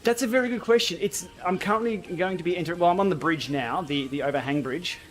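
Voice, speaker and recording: A man's voice: high voice, fast talker. A man hosting a casual livestream, bantering and thinking aloud as he chats during an indoor cycling game. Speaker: livestream host.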